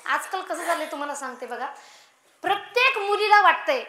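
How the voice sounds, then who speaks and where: A woman kirtan preacher with a high, bright, ringing voice gives a playful storytelling sermon. She teases her listeners as she goes. Her voice echoes through a large hall. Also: lively intonation, brisk. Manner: playful, teasing the audience. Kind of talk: lively devotional sermon with storytelling.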